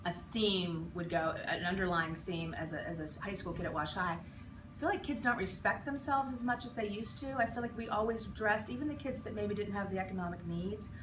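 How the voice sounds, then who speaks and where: A woman's voice: medium pitch, brisk, over music. A woman in her forties from western Pennsylvania, a teacher looking back on her school years in a casual interview, reflective and rambling with many ums and restarts. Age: 40s. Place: school building. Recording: echoey room, mic far off, noisy.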